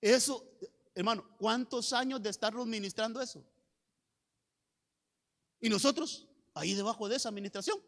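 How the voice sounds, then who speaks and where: A pastor preaches with fervor, often climbing to shouted lines and repeating phrases for emphasis. His voice sits high for a man. It rings with a long echo through a church hall. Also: normal speed, gravelly, pauses often. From Honduras. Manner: fervent preaching with rising shouts and call-and-response repetitions. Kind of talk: sermon. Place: church sanctuary.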